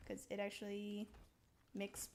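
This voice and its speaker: A young woman casually talking through her building in a video game, rambling slowly with lots of ums and little laughs. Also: mid-range voice, monotone, creaky, a little mellow, a little hiss or hum. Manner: slow, rambling, giggly, full of ums. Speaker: streamer building in a survival game. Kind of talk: casual gameplay commentary.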